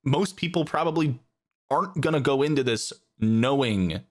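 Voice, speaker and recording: A man's voice: mid-range voice, lively intonation, moderate pace. A young man co-hosting a casual podcast chat, rambling and searching for words as he talks. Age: young adult. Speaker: podcast co-host.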